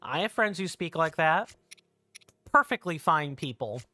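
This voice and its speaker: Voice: medium pitch, lively intonation, a little slow, bright, forceful tone, soft background music. A streamer in their thirties from the United States, chatting casually while playing a game and rambling, correcting themselves and musing aloud. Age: 30s. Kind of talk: casual let's-play chat.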